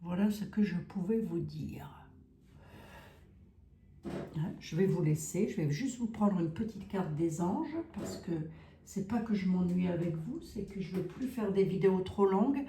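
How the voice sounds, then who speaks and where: A woman's voice: on the low side, animated, normal speed, reverberant, a little hiss or hum. A woman with a Lorraine accent giving a chatty psychic card reading to her viewers, often tagging lines with "hein". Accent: Lorraine French. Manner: chatty, warm, peppered with "hein". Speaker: clairvoyant card reader.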